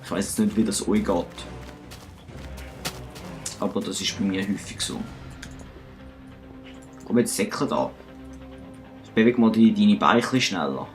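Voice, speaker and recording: Soft background music accompanies a Swiss let's play host with a Swiss German accent as he comments casually on his gameplay. His voice is lowish and unhurried with frequent pauses, and he's chatty and self-mocking, addressing both himself and his viewers.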